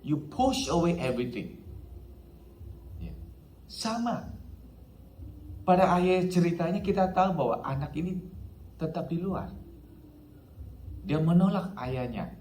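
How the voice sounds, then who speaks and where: A man's voice: fairly high pitch, expressive, a little slow, long pauses, a little mellow, a little hiss or hum. Man preaching in an echoey church hall. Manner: mixes English phrases into preaching, repeats "ya" often. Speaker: pastor. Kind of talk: sermon. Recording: echoey hall, faint ambience.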